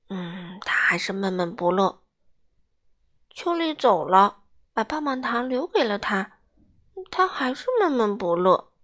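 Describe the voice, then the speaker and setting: Slow expressive woman reading a children's story. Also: on the high side.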